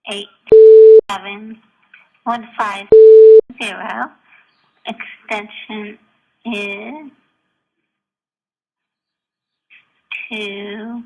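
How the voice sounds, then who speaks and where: A woman leaving a businesslike, halting voicemail as a company representative, as heard on an answering machine recording. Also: medium pitch. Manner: halting, businesslike, stops to correct herself. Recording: noisy voicemail recording with clicks.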